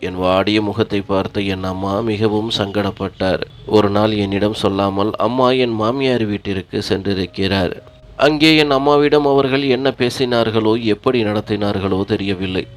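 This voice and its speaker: Male narrator, low register, earnest and heartfelt first-person family story reading. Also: normal speed.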